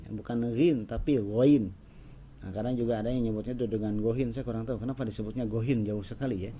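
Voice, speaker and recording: A man's voice: on the low side, rapid-fire, slight background noise. Man teaching Arabic grammar. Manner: explanatory, lively intonation, frequent "ya" and "nah". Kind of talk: classroom lesson.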